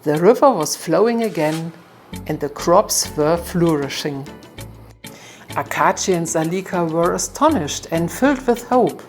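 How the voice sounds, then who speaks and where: A woman narrating a folktale in a calm, measured storytelling manner. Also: lowish voice, soft background music.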